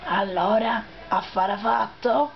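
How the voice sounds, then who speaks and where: A scheming old hunchback from a cartoon dungeon acted out in a fan dub, with a strong Sicilian accent. The old man wheedles and bargains in homely dialect, pitched high for the part. The sound is muffled with faint hiss, like a homemade dub. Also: slow, gravelly. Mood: bargaining. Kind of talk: amateur comic dialect dub of animated film. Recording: dull lo-fi noisy home dub.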